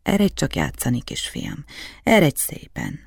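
A man voicing a gruff, bitter old alchemist in an audiobook. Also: a little high, big pitch swings, darkish tone, no room sound. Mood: weary.

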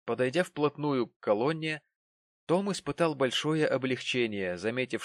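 A man narrating an audiobook of a classic novel in a measured storytelling way. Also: mid-range voice, no room sound. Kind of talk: scripted narration.

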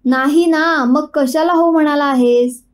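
A woman voicing a sharp-tongued, defiant young woman who argues fiercely in a storybook reading. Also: high voice, unhurried, voice pushed up. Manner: combative, sharp.

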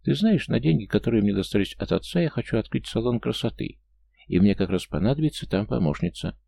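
A man voicing an excitable young woman who owns her first flat. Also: on the low side, fast talker, gravelly, no room sound, pitched above the performer's own voice, full character voice. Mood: caring. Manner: excitable, warm toward her friend.

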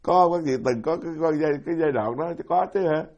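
A man's voice: fairly high pitch, fast talker, darkish tone, dull audio. A middle-aged man, a Buddhist monk giving a folksy, self-deprecating dharma talk who keeps putting questions to his audience. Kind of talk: sermon.

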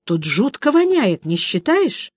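A woman reading aloud voices a chatty, excitable male bard who talks on and on. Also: fairly high pitch, a little slow, breathy edge, dry recording, full character voice.

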